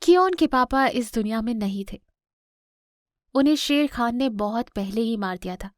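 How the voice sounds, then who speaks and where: Woman reading a kids' story, fairly high voice, dry close sound. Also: normal speed, dry recording. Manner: clear, expressive storytelling. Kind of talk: scripted children's story narration.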